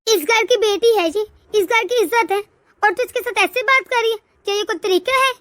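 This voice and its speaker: A woman's voice: extremely high pitch, moderate pace, a bit bright, no echo, studio quality. A woman voicing a stern, lecturing middle-aged mother-in-law in a cartoon. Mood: scolding. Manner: lecturing, scolding. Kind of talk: cartoon voice acting.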